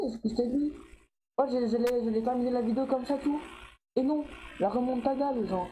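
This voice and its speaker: A young man giving excited commentary over his own gameplay as a gaming YouTuber, swinging between loud yelps and low mumbling and swearing often. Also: background noise.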